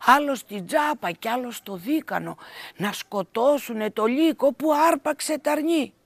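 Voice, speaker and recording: A woman narrating an old folk tale in a slow, expressive way. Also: fairly high pitch, vocal fry, dry recording. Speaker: storyteller.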